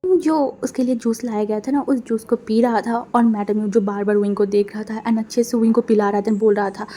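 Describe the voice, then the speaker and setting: A woman's voice: fairly high pitch, steady tone, normal speed, warm tone. A woman narrating a fan fiction story aloud in a casual storytelling manner, mixing in English words.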